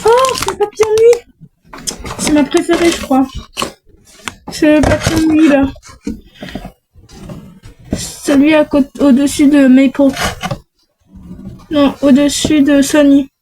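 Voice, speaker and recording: Young woman, high mellow voice, chatty unboxing vlogger who thinks aloud. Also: level tone, slow pace, pauses often, a little hiss or hum, poor audio. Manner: chatty, self-talking, frequent restarts. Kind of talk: casual unboxing chat.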